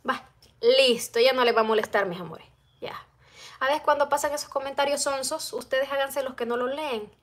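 A woman's voice: high-pitched, moderate pace. A middle-aged woman, chatting casually on a phone live stream from her home kitchen while cooking and reading out viewers' comments. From El Salvador. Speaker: vlogger. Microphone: phone camera close-up.

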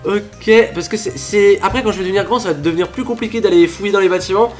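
This man's voice is high and congested from a cold as he races through playful, talkative Minecraft commentary for his gaming channel. He often erupts into laughing shouts, and soft music plays in the background.

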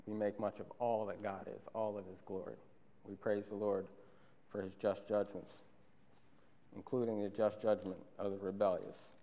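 A man's voice: on the low side, flat delivery, normal speed, dark tone. A young man preaching a sermon from a church pulpit into a stand microphone, earnest and repeating key phrases for emphasis. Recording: long church hall reverb.

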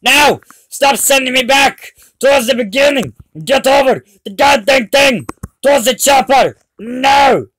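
A man gaming and commentating in a berserk rage, yelling and screaming in frustration. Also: very high-pitched, unhurried, no room sound. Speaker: gamer recording gameplay.

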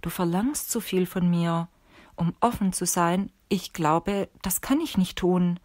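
A woman's voice: lowish voice, measured pace, a little mellow, dry recording, clean studio sound. A woman reading the lines of an anxious young male apprentice, pleading and questioning, in an audiobook.

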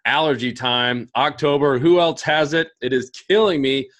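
A man in his thirties hosts an excited livestream pitch from a home office, talking fast and energetically while gesturing a lot. His voice is hoarse from allergies. He's using a headset and studio mic.

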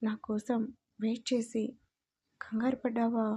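A woman voicing a stern, quick-tempered young husband who scolds with demanding questions in a storybook reading. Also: on the high side, little pitch movement, warm tone, slightly rough. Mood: teasing.

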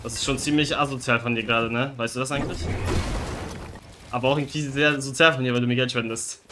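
A man's voice: medium pitch, fairly even intonation, quick pace, noisy background. A young man streaming a game in slangy speech, talking casually while exerting himself doing push-ups. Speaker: gaming streamer. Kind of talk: excitable casual livestream gaming commentary.

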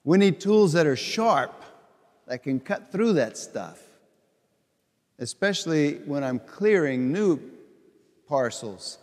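A middle-aged bishop preaches a homily, his voice a little high and his delivery unhurried. He builds his points through repetition, and the words ring out with a long reverb from a large church. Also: expressive, darkish tone. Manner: slow, deliberate, conversational preaching with repeated phrases. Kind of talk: homily at Mass. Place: large church sanctuary before the altar.

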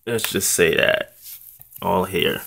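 A young man talking casually and haltingly, in a laid-back way, as the host of an unboxing vlog. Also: low-pitched, creaky, a bit bright, slightly rough. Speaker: trading card channel host.

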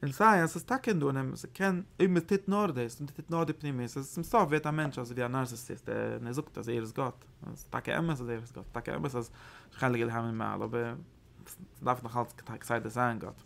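A man giving a study lesson on mystical texts as a Torah teacher, talking in a halting, searching way and often repeating phrases. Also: mid-range voice, creaky, fairly bright tone, a little hiss or hum.

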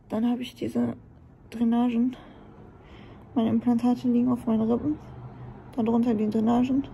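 A woman's voice: fairly high pitch, gravelly, warm tone, a little hiss or hum. A woman vlogging casually to camera, talking in a candid, rambling way, worn out and in pain after surgery. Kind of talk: casual vlog talk to camera.

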